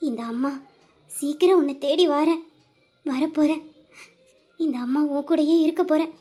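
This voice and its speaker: A woman voicing a loving mother who softly consoles and reassures her crying son in an audio drama. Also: high-pitched, fairly even intonation, moderate pace, natural voice. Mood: tender soothing. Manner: soft, soothing, reassuring. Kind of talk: Tamil audio drama acting.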